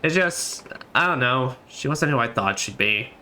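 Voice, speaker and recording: A man voicing a heartbroken young woman who speaks softly and hesitantly in a raised voice. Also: medium pitch, expressive, normal speed, background noise, close to an everyday voice. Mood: glum. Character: heartbroken young woman, shy and self-critical.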